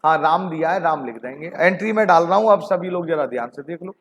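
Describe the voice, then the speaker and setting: A man with a high-pitched voice teaches an online accounting class. He keeps coaxing his students with repeated questions and calls them "beta ji". He reads the figures aloud slowly. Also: lively intonation, dull audio, a little hiss or hum. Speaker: commerce teacher.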